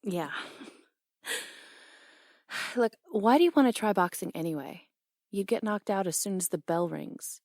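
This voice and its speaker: A woman's voice: medium pitch, lively intonation, unhurried, long pauses, a little mellow, no room sound, clean studio sound. A woman playing a teasing tomboy boxing coach. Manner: teasing, blunt, laughs often. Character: brash tomboy female boxing coach, young adult, teasing. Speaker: audio role-play performer. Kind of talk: audio role-play.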